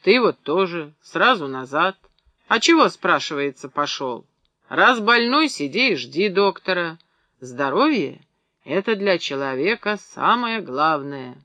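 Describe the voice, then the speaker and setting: A man reading the lines of a gruff, stout middle-aged woman who cleans a small clinic and scolds patients bluntly. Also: fairly high pitch, big pitch swings, measured pace, sharp tone, no room sound, full character voice. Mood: grumbling.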